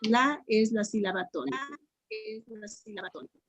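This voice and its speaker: Repeating each student response, a woman teacher from Mexico leads an online grammar drill in a Mexican Spanish accent, stretching words out slowly syllable by syllable. Her voice is fairly high, a bit bright and husky, recorded dry and close.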